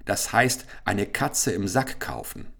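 A man voicing a young caliph who has been turned into a stork, speaking in an excited, urgent way in a storybook reading. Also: lowish voice, slow, vocal fry, husky, full character voice. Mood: eager.

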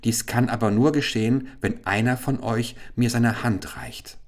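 A man's voice: mid-range voice, steady tone, measured pace, voice pushed up, close to an everyday voice. A man voicing a lonely, sorrowful enchanted owl princess in a storybook reading, speaking in a plaintive, pleading way.

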